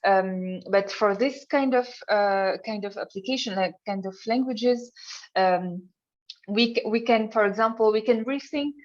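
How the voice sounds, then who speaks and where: A woman's voice: mid-range voice, measured pace. Hesitant woman from Tunisia, muffled. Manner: hesitant, many fillers. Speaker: panel guest. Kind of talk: panel discussion.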